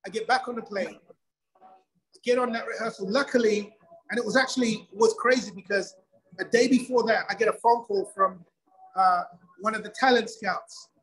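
A middle-aged man telling his own story in a casual interview, lively and acting out quoted dialogue. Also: high-pitched, normal speed, breathy edge, poor audio. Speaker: guest.

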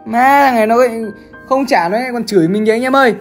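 A woman talks her viewers through a game in casual, chatty commentary. She speaks at a rapid clip and keeps calling out to the audience. Faint music plays softly underneath. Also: fairly high pitch. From Bắc Giang, Vietnam. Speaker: gaming streamer.

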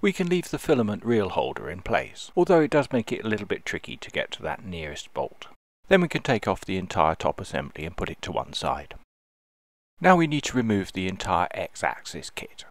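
A man with a very low, gravelly voice talks through a hands-on repair in a measured, careful tone. His delivery rises and falls with lively intonation, and the recording is close and dry with no room sound. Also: no room sound. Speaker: DIY repair video host. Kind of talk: calm step-by-step voice-over tutorial.

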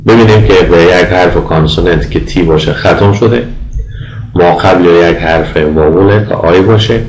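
A man with an Afghan Dari accent teaching English grammar as a lecturer, patiently repeating example words slowly for pronunciation. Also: deep voice, darkish tone, roomy sound, a little hiss or hum, low-quality recording. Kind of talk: recorded lecture.

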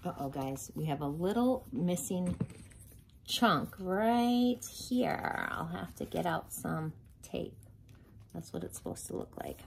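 A woman reading a picture book aloud to children in an expressive storytelling style. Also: fairly low pitch, slow pace, vocal fry, a little hiss or hum. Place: small home playroom, indoors.

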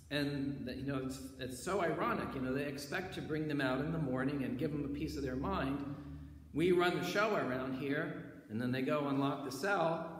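A man preaching in a church with a fairly high voice. He talks in a loose, conversational way, often tossing in "right?" and "okay". The sound is roomy, with a long hall reverb and a faint hiss underneath. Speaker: pastor. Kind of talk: sermon. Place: church sanctuary. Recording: echoey church hall with faint background noise.

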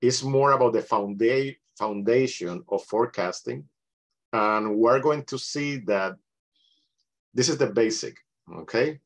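A man's voice: mid-range voice, unhurried. A middle-aged man leading a book club over a video call, talking casually with many restarts. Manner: hesitant, many restarts and "you know".

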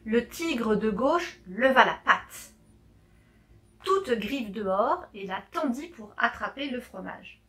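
A woman slowly reading a children's story aloud for learners, clear and deliberate with gentle expression. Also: on the high side, animated.

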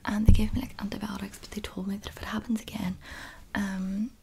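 A woman in her twenties doing a whispered role-play as a medical attendant, close to the mic in a breathy, tingly ASMR whisper, softly repeating words and phrases. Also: mid-range voice, flat delivery, a little fast, slight background noise. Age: 20s. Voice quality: breathy, mostly unvoiced whisper. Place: small indoor room.

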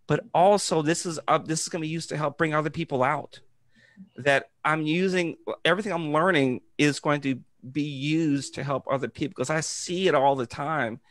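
Speaking into a small studio mic on a boom arm with headphones on, a middle-aged educator co-host shares an encouraging story. His slightly high voice has vocal fry and no room sound, and he is earnest, conversational, and gestures animatedly.

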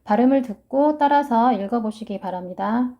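A woman's voice: a little high, moderate pace, warm tone. A woman teaching English pronunciation, explaining each sound patiently and step by step. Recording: muffled lo-fi sound.

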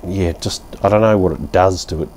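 This deep-voiced man, fifties, New Zealand accent, speaks fairly quickly with a slightly mellow sound over faint background noise. He's reviewing a beer at his outdoor home bar in an easygoing, blunt, rambling way, dropping fillers and mild swear words.

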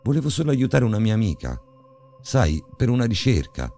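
A man's voice: on the low side, sing-song, brisk, gravelly, mellow, faint music behind, pitched above the performer's own voice. A man voicing a curious teenage boy in a horror audiobook, speaking with fervent insistence. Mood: eager. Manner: fervent, pressing.

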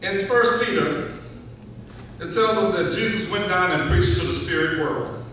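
Preacher heard from far off in an echoey church. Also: male voice, high voice, a bit bright, slight background noise. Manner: measured teaching delivery, slows for emphasis, occasional restarts. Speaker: pastor. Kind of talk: sermon. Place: large church sanctuary, indoors. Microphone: far camera at back of church.

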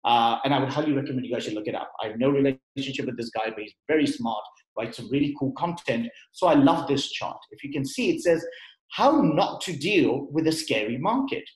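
A guest speaker at an investing webinar talks conversationally through a computer mic on a video call, explaining with fillers and restarts. His mid-range voice is animated and a little fast, and the recording has a roomy echo.

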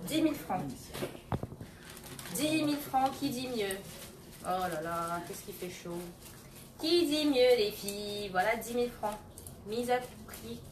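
A woman running a live online auction of hair extensions, teasing bidders by name and repeating the prices. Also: fairly high pitch. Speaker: live-stream hair seller. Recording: roomy echo, distant phone mic, faint noise.

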